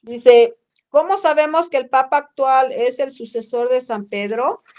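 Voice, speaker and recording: A woman with a Mexican accent reading scripture aloud slowly and carefully in a Bible study class. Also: high-pitched, a little mellow. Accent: Mexican Spanish. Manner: slow, careful reading with pauses. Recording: dull lo-fi sound.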